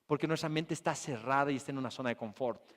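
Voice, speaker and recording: A man's voice: mid-range voice, quick pace. A man from Bolivia giving a motivational keynote talk at a business conference, telling stories and putting rhetorical questions to the audience. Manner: lively storytelling, addressing the audience with rhetorical questions. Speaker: conference speaker. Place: conference hall.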